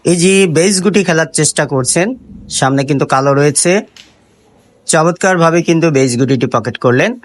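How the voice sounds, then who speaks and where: A man giving excited live play-by-play sports commentary, full of admiring exclamations. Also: fairly high pitch, fairly quick. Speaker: carrom match commentator. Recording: noisy recording with crowd behind.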